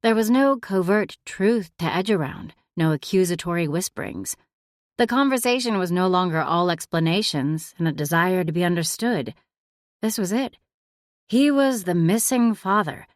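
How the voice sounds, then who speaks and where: A woman narrating an audiobook in an expressive, emotive reading style. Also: on the low side, normal speed, no echo, studio quality.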